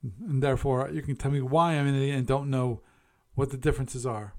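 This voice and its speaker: A man's voice: mid-range voice, steady tone, fairly quick, darkish tone. A man hosting a casual solo show, musing aloud and correcting himself as he reviews and chats. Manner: musing, self-correcting, chatty. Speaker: podcast host.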